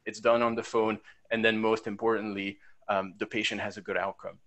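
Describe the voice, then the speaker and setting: A man giving a business presentation as a startup presenter, with halting, hesitant phrasing. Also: lowish voice, little pitch movement, fairly bright tone.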